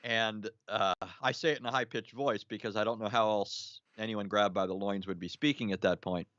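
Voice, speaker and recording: A man's voice: fairly low pitch, steady tone, moderate pace, fairly bright tone, dry recording, dull audio. A man explaining at length on a live online show, lecturing with many fillers, restarts and a questioning "right?".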